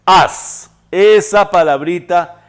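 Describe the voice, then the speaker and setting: Slow, high-voiced man teaching English. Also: clear, resonant tone. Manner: repeats and spells words aloud. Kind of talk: slow spoken language lesson.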